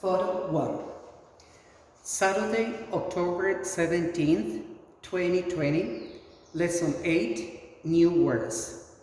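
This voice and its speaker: A male English teacher drills new vocabulary slowly, one word at a time. His voice sits a little high. The recording is roomy and distant, with a long echo trailing each word. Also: darkish tone. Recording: echoey room from far off.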